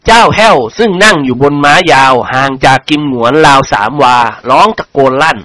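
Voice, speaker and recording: A man reading a novel aloud as narrator, expressive and theatrical. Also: a little high, a little fast, dry recording. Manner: expressive storyteller.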